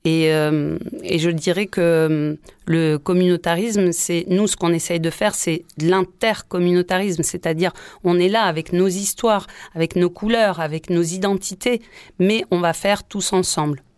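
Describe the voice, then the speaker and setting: A woman's voice: fairly low pitch, fairly even intonation, normal speed, a little mellow, clear, resonant tone, no echo. A woman guest in a radio studio, speaking earnestly and telling stories about her community work. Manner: earnest, storytelling. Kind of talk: live radio discussion.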